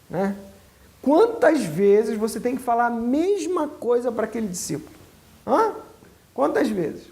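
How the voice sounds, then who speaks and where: Homem pregando a líderes com voz arranhada e rouca, em tom de conversa animada. Ele ensina como pastor e lança perguntas à plateia. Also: male voice, extremely high pitch, gravelly. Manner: asks the audience many rhetorical questions; animated, colloquial preaching. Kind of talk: teaching sermon to church leaders.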